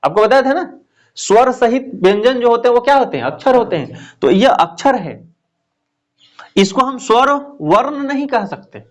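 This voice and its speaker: A man's voice: very high voice, sing-song, normal speed. A man teaching a Hindi grammar lesson, asking questions and answering them himself, with lots of repetition. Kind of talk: classroom lesson explaining grammar.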